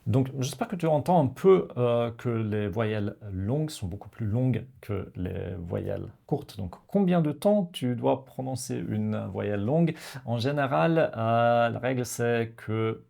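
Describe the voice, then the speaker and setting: Slow, gravelly-voiced man teaching pronunciation. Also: medium pitch, lively intonation, mellow. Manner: slow, hesitant, many pauses and fillers. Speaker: language teacher. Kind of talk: explaining pronunciation to learners.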